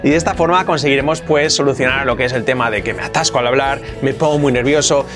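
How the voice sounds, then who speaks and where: A man with a Spain Spanish accent teaching English in a video lesson. He talks in a lively way and drills words over and over. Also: medium pitch, quick pace, music in the background.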